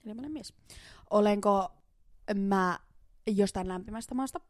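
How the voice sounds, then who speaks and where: A woman's voice: medium pitch, darkish tone, no room sound, studio quality. A woman co-hosting a casual podcast game, giggly and hesitant, thinking aloud as she guesses. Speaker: podcast co-host.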